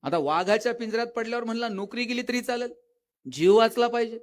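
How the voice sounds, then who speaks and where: A man giving a lively motivational lecture at a school event, telling funny stories and acting out the characters' lines. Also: extremely high pitch, fast talker. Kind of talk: public lecture with storytelling.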